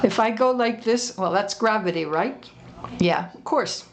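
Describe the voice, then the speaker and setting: A woman's voice: medium pitch, a little slow. A woman from Spain, giving a motivational conference talk in a humorous, teasing way, tossing rhetorical questions to the audience. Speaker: conference speaker. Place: conference stage.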